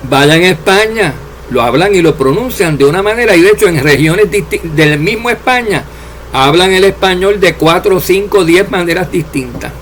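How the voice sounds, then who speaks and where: A man preaching a sermon, addressing his listeners directly and letting his voice drop low and soft at the ends of phrases. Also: normal speed, slight background noise. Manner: addresses listeners as dear servants, drops voice at endings.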